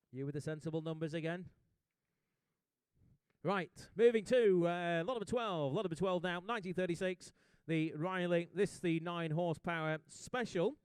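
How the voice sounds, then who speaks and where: A man working as an auctioneer, calling bids in a sale room with brisk, jokey patter. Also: fairly high pitch, darkish tone, smooth, no echo.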